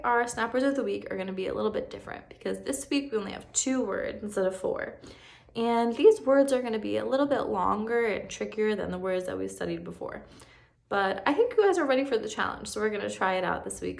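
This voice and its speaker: A young woman teaching first graders in a recorded lesson, slow, patient and encouraging, drawing words out syllable by syllable. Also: mid-range voice, creaky. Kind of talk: remote classroom lesson.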